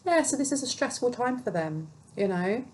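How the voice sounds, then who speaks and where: A woman's voice: fairly high pitch, animated, normal speed, darkish tone, slight background noise, low-quality recording. A woman giving a casual, chatty tarot reading, reading card meanings aloud and musing on them. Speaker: tarot reader.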